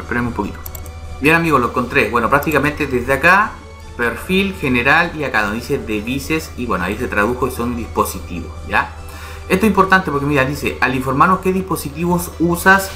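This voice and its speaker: A man running his YouTube channel gives a casual screen-recorded walkthrough of a website, step by step, checking in with "¿ya?" and "¿vale?" as he goes. He has a medium-pitched, bright, forceful voice.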